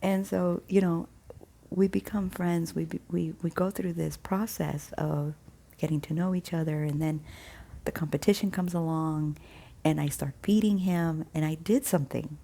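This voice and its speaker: Low, gravelly woman telling a story. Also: dark tone. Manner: chatty, acts out quoted dialogue with restarts. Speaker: vlogger sharing a faith testimony. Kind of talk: casual personal storytelling.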